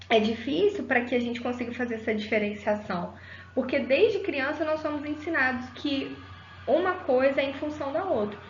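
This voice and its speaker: A woman with a fairly high voice talks through a psychology lecture in a didactic way, often checking in with the listener through rhetorical tags. The room sounds echoey, and the audio is slightly dull, with a faint hiss behind her. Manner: didactic, frequent rhetorical tag "né?" and fillers. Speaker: psychology teacher. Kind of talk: explanatory lecture.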